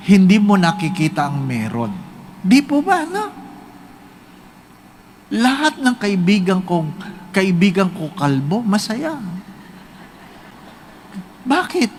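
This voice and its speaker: Animated joking Filipino priest. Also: male voice, high-pitched, a little hiss or hum. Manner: joking, animated storytelling with rhetorical questions. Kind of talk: humorous homily.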